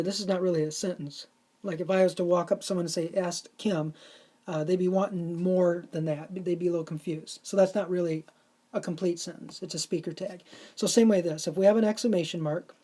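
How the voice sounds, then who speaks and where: Woman teacher, sixth grade lesson. Low-ish, warm voice, patient and explanatory. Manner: patient, explanatory, steps through each example slowly. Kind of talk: recorded classroom lesson walking through examples.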